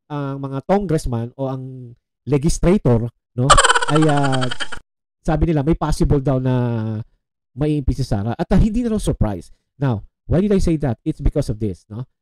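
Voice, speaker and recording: A man's voice: medium pitch, background noise. A man in a casual political commentary vlog, mixing Tagalog and English as he talks straight to his viewers. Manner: animated, switches between Tagalog and English; addresses viewers as "mga chong".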